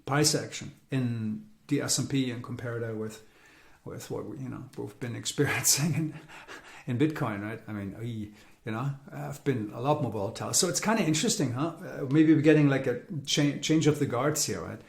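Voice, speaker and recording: A man's voice: medium pitch, normal speed, creaky, reverberant. A man giving a casual market update, rambling with repeated words and fillers, sounding weary. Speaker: crypto market commentator.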